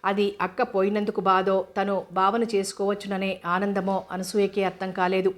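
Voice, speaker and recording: A woman narrating an audiobook novel in an even, steady reading voice. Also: medium pitch, moderate pace.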